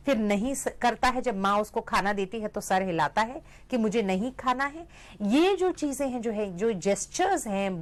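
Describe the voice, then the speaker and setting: A middle-aged woman giving a lecture, explaining step by step and often checking in with "right?" and "hmm?". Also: mid-range voice. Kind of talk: lecture mixing Hindi and English.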